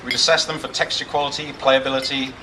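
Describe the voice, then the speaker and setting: A man's voice: mid-range voice, little pitch movement, quick pace. A man giving a jokey wedding toast speech as best man, with dry, self-deprecating humor. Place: wedding reception with guests. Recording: distant mic in noisy crowded room. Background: crowd noise and guests.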